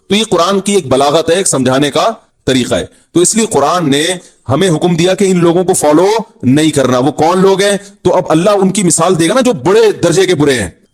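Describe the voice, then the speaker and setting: A middle-aged man preaching a sermon with a Pakistani Urdu accent. His voice sits a little high for a man, and he mixes teaching with joking asides. He often drops into mock voices to act out the people he describes. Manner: humorous, mimics people in low voices. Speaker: Islamic preacher.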